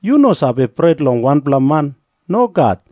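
A man with a Papua New Guinean accent playing a sly disciple flattering a teacher in a scripture drama. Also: a little high, measured pace, no echo, highs cut off.

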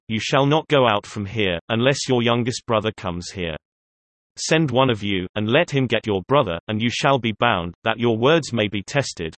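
Man voicing a stern powerful governor, measured, even, dry close sound. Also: fairly low pitch, dry recording.

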